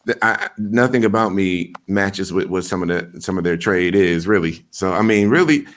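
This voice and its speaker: Deep-voiced man hosting a casual podcast. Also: moderate pace. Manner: blunt, loose talk with frequent fillers and swearing. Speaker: podcast host.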